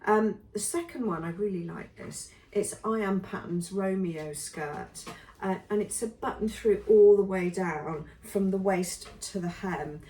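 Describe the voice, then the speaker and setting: A woman reviewing sewing patterns in a chatty, casual way with lots of ums, her voice going hoarse. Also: mid-range voice, measured pace, mellow, echoey room, distant mic, slight background noise. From England. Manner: chatty, many ums and trailing lists. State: losing her voice. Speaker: sewing vlogger.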